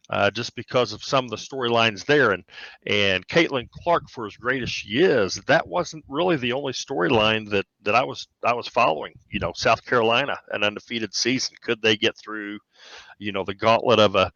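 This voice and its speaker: A basketball coach co-hosts a sports chat, his bright, forceful voice coming through a slightly dull, dry recording. He talks in a thoughtful, measured way, careful with his opinions. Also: on the low side, no echo. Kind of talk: casual sports talk. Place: cafe studio.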